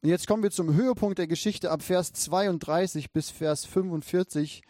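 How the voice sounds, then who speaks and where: A man delivers a sermon, reading scripture aloud and turning to his listeners with earnest encouragement. His voice sits slightly high for a man. The recording is dry and close, with little room sound. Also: normal speed, warm tone, dry recording. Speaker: preacher.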